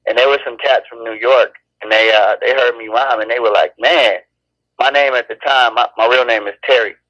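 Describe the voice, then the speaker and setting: A rapper born in Chicago and raised in Los Angeles talks casually as an interview guest, laid-back and rambling with many restarts. His mid-range voice is fairly quick and sharp with fairly even intonation. The recording is dry and dull.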